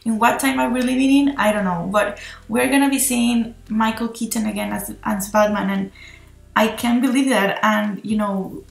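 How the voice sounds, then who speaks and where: A woman's voice: fairly high pitch, fairly even intonation, moderate pace, vocal fry, faint music behind. A woman chatting enthusiastically through a rambling film review, recorded on her phone. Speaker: movie reviewer. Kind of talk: casual spoken film review. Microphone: phone recording itself. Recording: echoey room on a phone mic.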